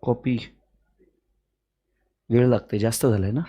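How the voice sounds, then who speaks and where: A man's voice: medium pitch, fairly even intonation, takes it slowly, dark tone, husky. A man teaching accounts in a joking, teasing lecture, humming little sound effects as he works. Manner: teasing, playful, hums sound effects while working.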